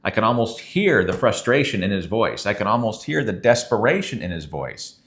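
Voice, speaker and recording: A man's voice: on the low side, sing-song, moderate pace, a bit bright. A man who is a pastor, teaching a sermon in an earnest, conversational way and reading scripture aloud.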